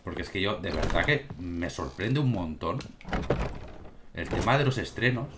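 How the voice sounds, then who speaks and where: A man's voice: sits low, normal speed. A man with a Spain Spanish accent gives casual gameplay commentary, swearing freely and speaking straight to his viewers from home. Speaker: gaming streamer. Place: home room with cats. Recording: home recording with steady background noise.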